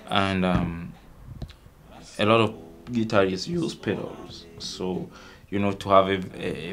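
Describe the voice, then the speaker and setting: Deep gravelly man with halting speech. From Cameroon. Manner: halting, many fillers and restarts. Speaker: musician guest. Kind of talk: casual interview answers.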